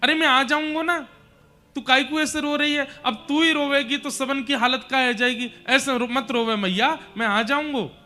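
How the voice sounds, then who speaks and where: A man's voice: extremely high pitch, fairly even intonation, normal speed, sharp tone, pitched above the performer's own voice. A male storyteller voicing the young boy god Krishna, who tenderly pleads with and consoles his mother in a village dialect. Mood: consoling. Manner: pleading, soothing in Braj speech.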